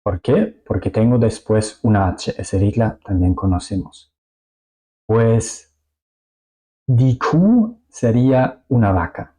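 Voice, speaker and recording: A German man speaks Spanish as a second language, with a few small slips, in a slow, deliberate teaching voice. His voice sits low and mellow, and he repeats each example word with care. He keeps pausing to check "ok?" with his learners. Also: animated, low-quality recording. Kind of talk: language lesson explanation.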